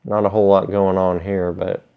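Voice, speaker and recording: Low-voiced man chatting with pipe in mouth. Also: little pitch movement, normal speed, vocal fry, clean tone. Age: middle-aged. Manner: laid-back, hesitant, rambling. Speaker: pipe tobacco seller. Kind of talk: casual chat to camera. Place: small indoor room with shelves. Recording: slightly dull, lo-fi sound.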